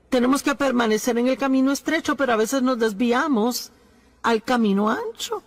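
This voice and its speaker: Woman, high voice, Spanish voice-over for a preacher's sermon, earnest and emphatic. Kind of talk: dubbed sermon.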